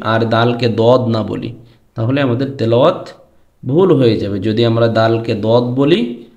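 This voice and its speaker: A man's voice: medium pitch, dull audio. A man teaching Quran letter pronunciation, explaining to his students and drawing out the letter names as he says them. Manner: drawn-out chanted letter names between explanations; addresses students directly. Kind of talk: pronunciation lesson. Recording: echoey room.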